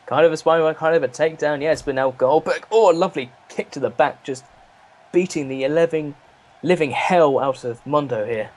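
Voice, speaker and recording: A man with a somewhat high voice commentates on wrestling. He is excited and exclamatory, reacting to the action as if he can hardly believe it. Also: fairly quick. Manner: exclamatory, incredulous.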